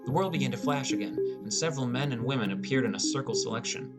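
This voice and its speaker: Here a man narrates a first-person fantasy story as a scripted audiobook, voicing a teenage gamer who is gloomy and introspective. His medium-pitched delivery is animated and quick, and prominent music plays beneath it.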